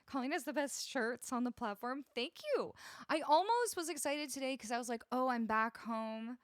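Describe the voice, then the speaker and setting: A chatty woman music streamer talks casually with her live viewers, laughing often and greeting each one by name. Her voice sits a little high and swings widely in pitch. A close studio mic gives a dry, intimate sound with no room echo. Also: lively intonation, a little fast. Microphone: studio broadcast microphone, close.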